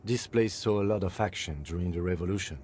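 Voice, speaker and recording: Man playing police lieutenant, game character, low voice, calm, dry, observant, faint ambient noise. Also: close to an everyday voice. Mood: calm, analytical. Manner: measured, matter-of-fact, dry. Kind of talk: video game character acting.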